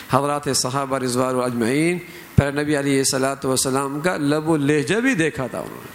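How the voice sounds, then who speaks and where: A man's voice: on the high side, a little hiss or hum. A middle-aged man preaching a sermon, emphatic, lifting his voice to act out quoted phrases and examples. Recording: hall with long reverb.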